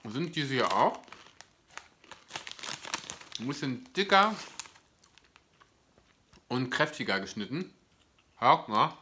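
Male food reviewer, thirties: enthusiastic and chatty, very animated pitch, indoor recording with faint noise. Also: slow pace, pauses often. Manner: enthusiastic, gushing. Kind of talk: casual chat to viewers. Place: indoor living room, seated on a sofa. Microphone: camera or phone at about arm's length.

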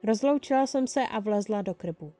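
Woman reading a story, dark mellow tone. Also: medium pitch, faint music behind. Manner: lively first-person storytelling. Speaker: fan-fiction reader.

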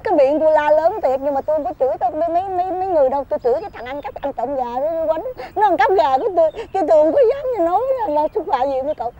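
An actress playing a loud, wailing old village woman in a folk tale TV drama. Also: animated, very fast, few pauses. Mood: pleading. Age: older. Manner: shrill, scolding, wailing pleas.

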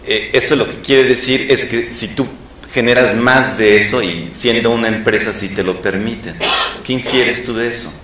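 A man's voice: medium pitch, steady tone, moderate pace, fairly bright tone, a little hiss or hum. A man with a Mexican accent in the audience, jumping in to explain assertively. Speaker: audience member. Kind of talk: casual discussion. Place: lecture room. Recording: echoey room.

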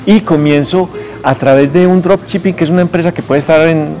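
A man in his forties talks in a fairly high voice, lecturing with emphasis and gesturing as he goes. He is a guest recorded on a lapel mic on an outdoor garden set, with faint music underneath. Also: brisk, darkish tone. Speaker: guest entrepreneur speaker. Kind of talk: motivational interview talk.

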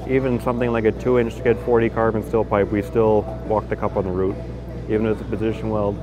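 A man's voice: fairly low pitch, little pitch movement, fast talker, rough recording. Canadian guy talking thru welding in a big shop, loose and chatty, music going under him. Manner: informal, with fillers and restarts, explaining a process step by step. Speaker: shop expert explaining welding. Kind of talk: unscripted technical commentary. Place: large industrial fabrication shop, indoors. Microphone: handheld or lapel mic.

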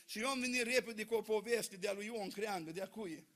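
Man preaching in church, really high voice, chatty folksy stories. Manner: folksy, animated storytelling to a congregation. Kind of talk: sermon.

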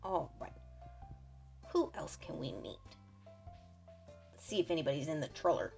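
A woman's voice: sits low, normal speed, vocal fry, darkish tone. A woman giving casual, chatty let's-play commentary, playful and thinking aloud. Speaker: gaming video host. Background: faint game music.

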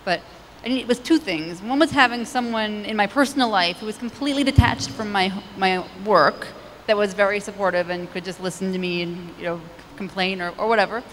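A woman's voice: mid-range voice, a little fast. Woman speaking on a conference stage. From United States. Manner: conversational, many restarts and "you know". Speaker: conference panelist. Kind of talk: panel discussion answers. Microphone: handheld microphone. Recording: stage hall with long reverb, faint noise.

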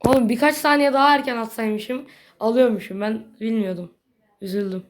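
A woman giving casual gameplay commentary in a blunt, slangy way, quick to get annoyed. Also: on the high side. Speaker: gaming video creator.

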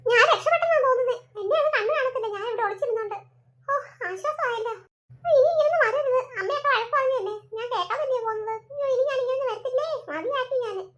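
A woman's voice: extremely high pitch, fast talker, fairly bright tone. A woman voicing a stubborn, greedy little boy in a cartoon who wails when he is frightened. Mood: relieved. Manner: frightened wailing. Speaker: cartoon character.

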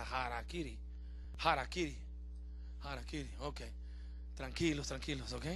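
Male preacher, very high voice with a sharp edge, jokes with the church then builds up loud. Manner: joking asides with the congregation. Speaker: pastor. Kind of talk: sermon. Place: church service before a congregation.

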